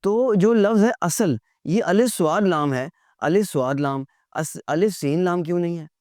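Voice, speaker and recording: A man teaching a lecture, asking rhetorical questions and answering them himself, spelling words out slowly letter by letter. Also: high voice, a little mellow, dry recording, studio quality.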